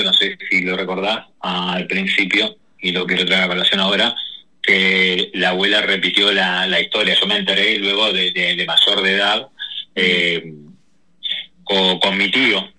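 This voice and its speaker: An adult man tells personal stories as a guest. His voice sits low but rings hard and bright. He talks in quick bursts full of slang and restarts. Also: rough recording. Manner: animated, rushes through stories with slang and restarts. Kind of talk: casual personal storytelling.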